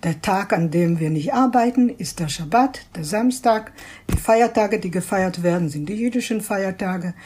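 Earnest older woman, husky, mellow. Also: mid-range voice, normal speed. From Israel. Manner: earnest, searching for words with restarts. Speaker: interview guest, prayer leader. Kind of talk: thoughtful interview answers.

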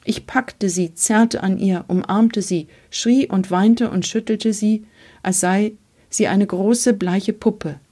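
A woman reading a memoir aloud in a measured, earnest storytelling manner. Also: medium pitch, steady tone, dark tone. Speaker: reader.

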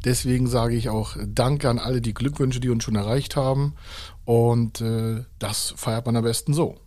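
A man's voice: medium pitch, steady tone, moderate pace, a little mellow, no room sound. A man hosting a podcast, talking to his listeners in an effusive, colloquial monologue. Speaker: podcast host, funding consultant.

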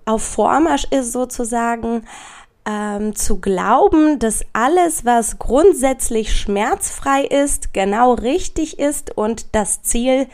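Woman, podcast host, stuffy nose from a cold, sniffly raspy voice, fairly high pitch, crackly fry, casual and emphatic. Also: slow pace, darkish tone. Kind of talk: casual solo podcast talk addressed to the listener.

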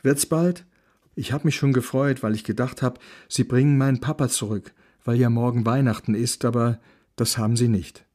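A man reading a children's novel aloud in a calm, gentle storytelling manner. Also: medium pitch, a little fast. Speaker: audiobook narrator.

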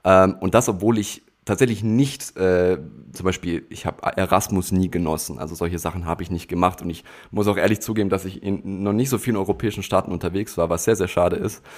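A man's voice: low voice, fairly even intonation, fairly quick, hardly any pauses, a little mellow. A man co-hosting a podcast, candid and a little hesitant, with fillers and restarts. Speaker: podcast co-host. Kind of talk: conversational podcast talk.

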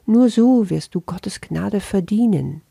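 A speaker voicing the ego as an inner voice that first whines with self-doubt, then coaxes and flatters. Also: medium pitch, slow, vocal fry, slightly rough, no room sound, pitched above the performer's own voice, heavily acted. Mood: coaxing. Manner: whiny self-doubt turning to coaxing flattery.

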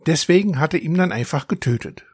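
A proud young dragon, put on by a man reading a storybook, who grumbles and boasts in a raised, husky voice. He sounds indignant about everything he tells, and the recording is close and dry with no room sound. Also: a little high, expressive, fairly quick, no echo. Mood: indignant boasting.

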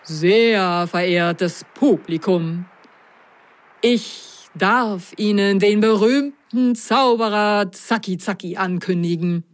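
A woman's voice: medium pitch, slow pace, close to an everyday voice. Woman doing a proud circus announcer.

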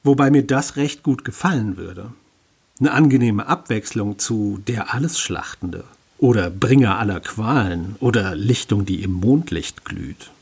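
A man voicing an ancient, winged, three-headed beast that speaks in a dry, mocking, unhurried way, with a husky voice. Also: lowish voice, animated, full character voice.

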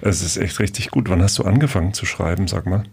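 A man's voice: sits low, fast talker, creaky, a little mellow, husky. A man hosting a podcast interview, chatty and enthusiastic. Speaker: podcast host. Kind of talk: interview chat.

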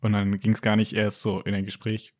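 A young man chatting casually as podcast co-host, acting out quotes with big pitch jumps. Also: monotone, normal speed, darkish tone, dry recording, clean studio sound. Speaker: podcast co-host telling a story. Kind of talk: casual chat.

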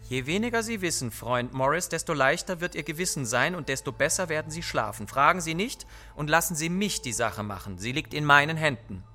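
A man's voice: on the high side, lively intonation, a little fast, few pauses, sharp tone, soft background music, voice pushed up. A male audiobook narrator voicing a grim, scheming member of a secret society, talking in an urgent, conspiratorial way. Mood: grimly resolved.

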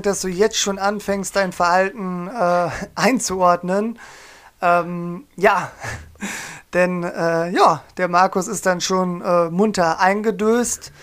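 A young man co-hosting a podcast, telling a story in a lively, joking way and acting out quotes. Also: high voice. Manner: animated storyteller, acts out quotes, laughs often. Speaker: podcast co-host. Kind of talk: casual storytelling chat.

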